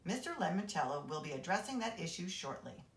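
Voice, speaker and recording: A woman reading aloud, voicing a soft, motherly hologram librarian who speaks politely and formally. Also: lowish voice, very animated, fairly quick, creaky. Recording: roomy echo.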